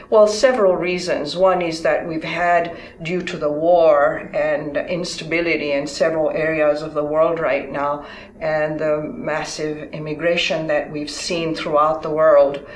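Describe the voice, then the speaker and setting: A woman in her sixties, born in Tanzania, answering interview questions in a thoughtful, halting way with many fillers. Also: low-pitched, echoey room, poor audio. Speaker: interview guest, physician. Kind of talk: conversational interview.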